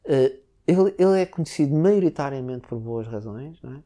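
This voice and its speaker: A man's voice: medium pitch, lively intonation, brisk, warm tone. A man from Portugal speaking European Portuguese, a guest in a casual conversation, who hesitates and restarts often. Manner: hesitant, with many restarts and filler words.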